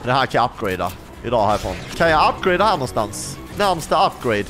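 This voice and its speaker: Lively young man chatting over gameplay. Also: medium pitch, music in the background. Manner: chatty, asks viewers questions, playful. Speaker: gaming YouTuber. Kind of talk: casual gameplay commentary.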